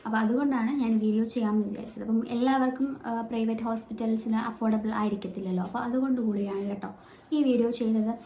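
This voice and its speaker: Her warm, slightly high voice stays fairly even and fast as this Malayali-accented woman chats through a personal story for her vlog, restarting often and using lots of fillers. She's at home near her baby, recorded without a microphone in an echoey room with faint noise.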